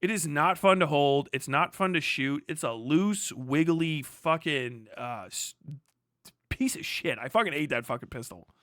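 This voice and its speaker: Reacting to videos on his livestream, this host rants in frustration and swears constantly in a casual way. His voice sits a little high and moves a little slowly, fairly bright, recorded studio-clean with no room sound.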